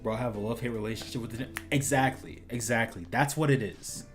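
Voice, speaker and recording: A man's voice: medium pitch, quick pace, soft background music. A young man streaming a video game, chatting casually and rambling, laughing often and saying dude and like a lot. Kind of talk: casual gaming stream chat.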